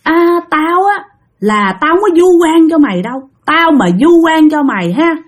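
A woman voicing a shrill, vindictive middle-aged woman who curses. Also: animated, moderate pace. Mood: furious. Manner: shrill, spiteful, shouting curses.

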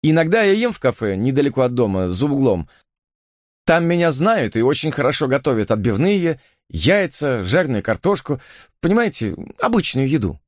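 A man reading an audiobook voices a shy, scarred young woman who speaks softly and earnestly. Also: medium pitch, big pitch swings, moderate pace, no room sound, clean studio sound, voice pushed up, natural voice. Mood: wistful. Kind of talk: audiobook character voice.

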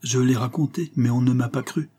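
A man's voice: medium pitch, fairly even intonation, warm tone, husky, voice pushed up, close to an everyday voice. A man voicing a melancholy young convict. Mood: grave. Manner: grave, measured, sorrowful.

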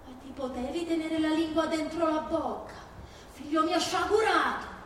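On stage, a woman with a high, natural voice and a Sicilian accent performs a dramatic monologue as a fierce, grieving older Sicilian mother disowning her criminal son. She speaks at normal speed, bitter and scolding, emphatic and plaintive, repeating phrases. It's recorded from far off in a very echoey hall, with faint noise.

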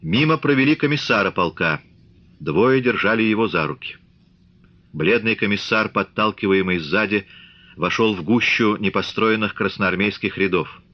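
A man reading a classic novel aloud in measured scripted narration. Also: lowish voice, muffled recording. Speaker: audiobook reader.

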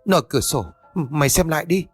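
Cruel old rich woman, stammering and commanding, higher, brisk; male narrator voices her. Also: husky, faint music behind. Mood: frightened harsh.

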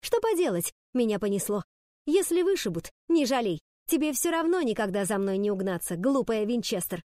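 A taunting, sharp-tongued schoolgirl, as a woman voices her. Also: a little high, big pitch swings, brisk, dry recording, studio quality. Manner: taunting, cutting.

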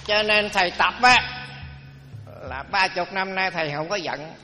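A man's voice: high voice, measured pace. An older male Buddhist monk, giving a dharma talk in a folksy, humorous storytelling way. His voice rings with long hall reverb and faint music behind.

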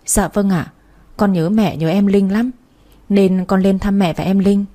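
A woman's voice: medium pitch, fairly even intonation, measured pace, dark tone, natural voice. A woman voicing a defiant teenage girl. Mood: earnest, pleading.

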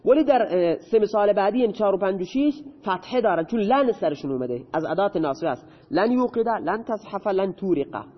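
A man's voice: high-pitched, animated, in a large hall, lo-fi sound. A male teacher explaining Arabic grammar in a lesson, asking questions and answering them himself.

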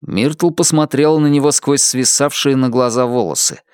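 A man narrating a dark thriller audiobook in a tense, vivid way. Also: mid-range voice, moderate pace, clear, resonant tone, no room sound, clean studio sound. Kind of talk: dramatic audiobook reading.

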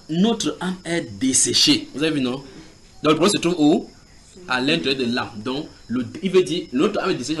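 A man preaching in a house church, teaching from the Bible, reading scripture aloud and putting questions to his listeners. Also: on the high side. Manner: animated, asks the group questions and reads scripture aloud.

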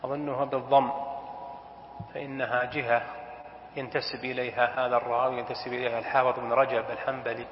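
Sheikh teaching in an echoey hall. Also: male voice, medium pitch, level tone. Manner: explains slowly and deliberately, stressing key terms. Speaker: sheikh teaching a classical text. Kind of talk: scholarly lesson commentary. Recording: echoey hall, dull sound with faint hiss.

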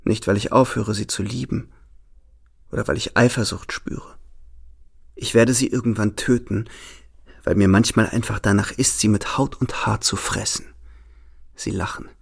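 A man giving a dramatic reading of a novel as a feverish young man in love, shifting between hushed words and sudden exclaiming. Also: lowish voice, steady tone, moderate pace, gravelly, long pauses, husky. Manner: impassioned, swings from hushed to exclaiming. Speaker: narrator.

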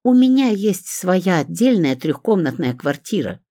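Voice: medium pitch, sing-song, unhurried, dark tone, dry recording, clean studio sound, voice pushed up. A reader voicing an indignant, scornful woman who hisses and shrieks at her neighbours in a storybook. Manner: hissing, indignant. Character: shrill scornful woman, estranged mother.

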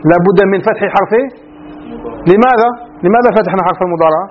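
A man teaching an Arabic grammar lesson, drawing out key words slowly and often asking the class whether it is clear. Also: sits high, slight background noise. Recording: dull lo-fi recording.

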